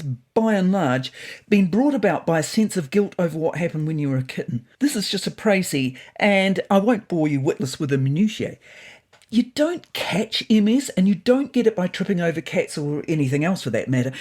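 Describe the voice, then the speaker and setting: A woman voicing an opinionated male stranger who lectures in a brusque, unsympathetic way, with a breathy voice. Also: fairly low pitch, a little mellow, voice pushed up. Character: blunt know-it-all male stranger.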